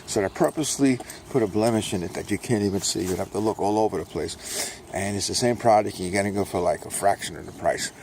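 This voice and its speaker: An older man from Brooklyn rambling casually on a morning dog walk, pitching his own books with self-mocking salesman patter and a repeated catchphrase. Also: fast talker, creaky, a little mellow, a little hiss or hum. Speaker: self-published author promoting his books. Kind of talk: casual rambling vlog while walking a dog.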